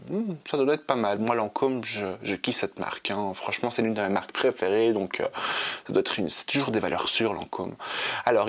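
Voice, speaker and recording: A man chatting casually about new perfumes, laid-back and full of fillers and restarts. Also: fairly low pitch. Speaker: perfume vlogger. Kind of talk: casual chat.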